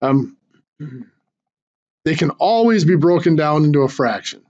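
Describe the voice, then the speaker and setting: Speaking in an unhurried, expressive way, a man takes his math class through one idea after another, stumbling into small fillers and restarts. The voice is high, hoarse, and somewhat dark, interrupted by frequent throat clearing as it fades. Sound quality is dull and lo-fi.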